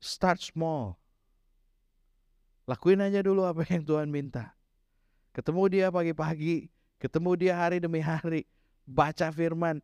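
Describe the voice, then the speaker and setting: A man preaching a sermon as pastor, mixing Indonesian and English, telling a story and slowing down to stress key points. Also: fairly high pitch, fairly even intonation, darkish tone, clean tone, no room sound, clean studio sound. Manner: switches between Indonesian and English mid-sentence; slows down for emphasis, storytelling delivery.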